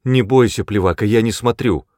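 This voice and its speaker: A man reading a firm, steady mother. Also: on the low side, dry recording, studio quality, natural voice. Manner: quiet and measured, turning stern. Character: calm, firm-willed mother and wife.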